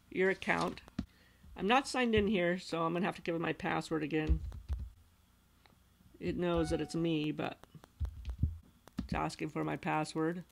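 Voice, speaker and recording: A woman calmly narrating a screencast tutorial as an instructional designer, patiently explaining each step. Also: lowish voice, creaky, a little hiss or hum. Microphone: voice-over recorded over screen capture.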